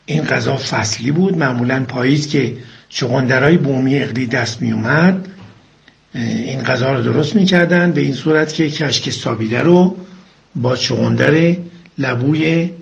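A man from Iran calling in to explain local food lore, listing items in a slow, careful way. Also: medium pitch, creaky, dull audio. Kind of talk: informative talk over a phone line.

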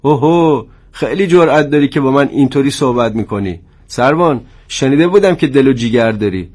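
A man voicing a brutal giant guard who taunts his prisoners in a rough, harsh voice. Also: medium pitch, expressive, darkish tone, close to an everyday voice. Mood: taunting. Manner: sneering, taunting. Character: brutal giant armed male guard, mocking.

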